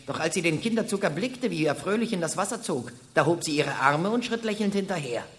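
An actor playing a sly rat who serves a prince in a radio play, speaking in a cool, matter-of-fact way. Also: male voice, on the high side, lively intonation, a little fast, fairly bright tone. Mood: reporting.

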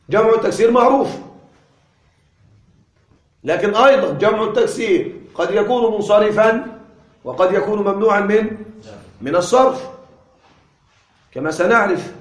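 A man with a high-pitched voice teaches a classroom grammar lesson. He goes slowly, repeats each example and poses questions he answers himself. The room around him is noticeably echoey.

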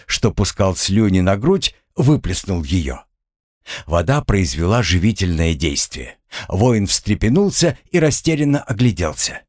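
A man narrates an audiobook in a fairly low voice that moves widely up and down. He tells the story in a steady, expressive way. The sound is close and dry. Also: dry recording. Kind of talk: scripted narration.

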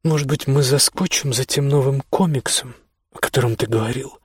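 A man's voice: mid-range voice, fairly quick, slightly rough, no echo, clean studio sound, voice pushed up, natural voice. A curt, cold mother, read by a man. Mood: coolly sweet. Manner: curt, dismissive. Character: strict tired mother, middle-aged woman, cold.

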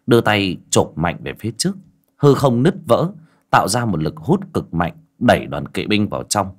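A man narrating an audiobook, addressing listeners directly in a conversational way. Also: lowish voice.

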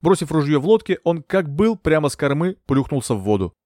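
A man reading a thriller audiobook in steady, even storytelling narration. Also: on the high side, a little fast, no room sound, studio quality. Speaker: audiobook reader. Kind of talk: scripted narration.

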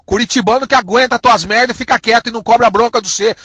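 Angry guy w/ sao paulo accent ranting threats over and over, real high voice, dead dry sound. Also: fairly bright tone, breathy edge, no echo. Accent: São Paulo Portuguese. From São Paulo, Brazil. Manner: aggressive, insulting, repetitive, drawn-out threats.

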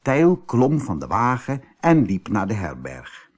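Male storybook narrator, Dutch-born, husky, lively pitch, slow read. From Netherlands. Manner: expressive, unhurried.

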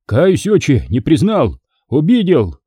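A man doing a booming village blacksmith. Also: huge pitch swings, a little slow, dark tone, breathy edge, no room sound, exaggerated voice. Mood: placating. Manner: booming, placating. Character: burly good-natured village blacksmith, man.

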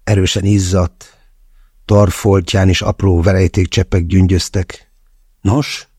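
A man's voice: low-pitched, creaky, dark tone, slightly rough, no room sound, clean studio sound. A man narrating a novel in the first person as an audiobook, in a wry storytelling manner.

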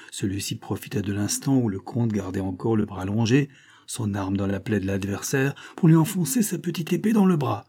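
Husky-voiced male audiobook narrator. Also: fairly low pitch, dark tone. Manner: dramatic storytelling. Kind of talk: scripted narration.

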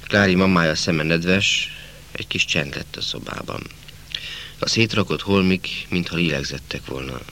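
Deep-voiced man reading a novel. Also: bright, forceful tone, slight background noise. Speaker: audiobook reader. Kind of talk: first-person audiobook narration.

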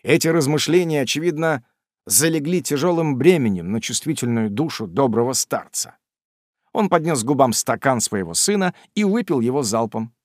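A man's voice: medium pitch, animated, normal speed, a little mellow, no echo, studio quality. Man reading a classic novel aloud. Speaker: narrator.

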